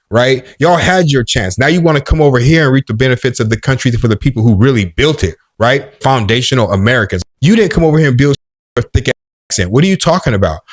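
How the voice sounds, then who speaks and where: A man delivers heated opinion commentary in a mid-range voice. He is indignant and scolding, and he punctuates his points with a rhetorical check-in. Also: mid-range voice. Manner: indignant, repeating "right?".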